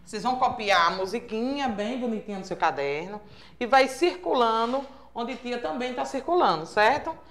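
A woman's voice: fairly high pitch, animated, moderate pace, a bit bright. A woman from Brazil with a Sergipe accent teaching a remote lesson to young children, prompting patiently and checking in often. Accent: Sergipe Brazilian Portuguese. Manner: patient, sing-song teacherly prompting with frequent checks like "certo?". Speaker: primary school teacher. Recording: echoey room.

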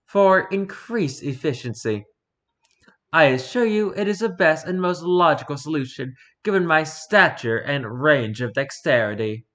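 A man doing a self-important male pigeon with a lecturing, haughty manner, a storybook figure who talks down to everyone. The voice sits a little above a man's usual talking pitch. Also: lively intonation, measured pace, a bit bright. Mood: smug. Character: pompous know-it-all male office pigeon.

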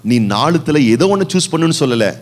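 A man's voice: on the high side, lively intonation, quick pace. A male pastor with a Tamil accent preaching a sermon in church, building emphasis through repeated phrases and rhetorical questions.

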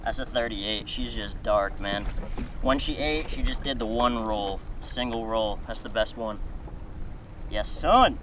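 A young man fishing with a friend on a small boat, bantering in excited slang. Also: on the low side, measured pace. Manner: hyped, slangy, bro talk. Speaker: fishing buddy. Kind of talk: casual banter. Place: small open boat on the water, outdoors. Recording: loud wind and water noise.

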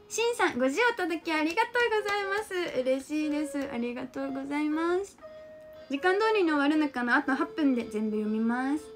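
A high-voiced young woman with a mixed Kansai and Kanto lilt, live-streaming and reading chat aloud. She giggles often and teases her viewers in a chatty, playful way. Faint music plays underneath. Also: moderate pace, long pauses. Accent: mixed Kansai and Kanto intonation. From Japan.

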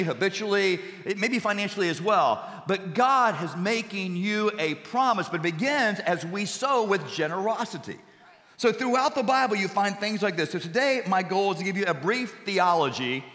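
A man's voice: high voice, pushed and bright. A man preaching a sermon to a congregation as pastor, emphatic, repeating key phrases and dropping jokey asides. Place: church sanctuary with congregation. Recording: echoey hall reverb.

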